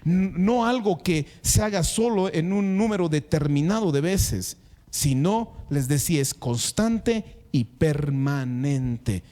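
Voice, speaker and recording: Man, pastor, high-pitched, sermon, emphatic, repeats words for stress. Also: expressive, slow pace, warm tone. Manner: addresses the congregation directly.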